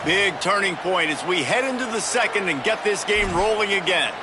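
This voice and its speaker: A man's voice: sits high, lively intonation, normal speed, very noisy. A man calling American football play by play in short sports-commentary phrases. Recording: loud stadium crowd and music behind.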